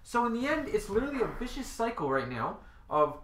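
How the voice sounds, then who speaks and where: A man speaking as a podcast guest, giving blunt, profane, animated opinions in casual chat. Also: very high-pitched, fast, slight background noise. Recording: roomy echo.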